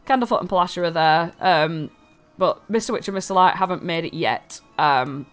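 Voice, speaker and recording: A woman's voice: lowish voice, moderate pace, a bit bright, clear, resonant tone. Woman casually narrating a game, faint music behind.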